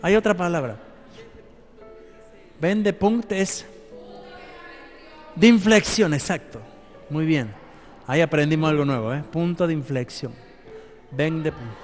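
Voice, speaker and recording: Pastor, hombre, tono algo alto, sermón enfático; sala con eco largo y música suave de fondo. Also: male voice, on the high side, a little slow, long pauses, long reverb tail, soft background music. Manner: emphatic, addresses the congregation directly. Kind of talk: sermon.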